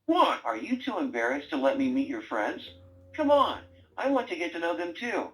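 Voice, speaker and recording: A man's voice: on the high side, very animated, moderate pace, low-quality recording. A man voicing a wisecracking male talking brain robot toy that teases its owner and gives quiz-style prompts. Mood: teasing. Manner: sarcastic, teasing, bossy quiz-style prompts. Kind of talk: toy voice lines.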